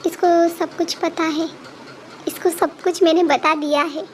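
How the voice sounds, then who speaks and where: A gentle, caring older sister who tries to calm and reassure her younger brothers, as a woman reading a story voices her. The voice is very high, with a faint hiss underneath. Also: unhurried. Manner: soothing, pleading. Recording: faint background noise.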